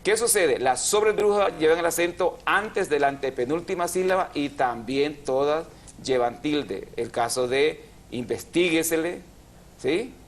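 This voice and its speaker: Man, TV host, explanatory, spells out syllables slowly, a bit high-pitched. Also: a little hiss or hum. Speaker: TV language program host. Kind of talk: didactic TV chat.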